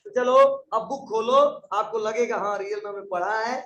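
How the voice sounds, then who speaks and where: A man's voice: high voice, moderate pace, fairly bright tone, far from the mic, highs cut off, slight background noise. A man teaching a computer class in a conversational lecture style, often asking the students questions. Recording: echoey room, voice from afar.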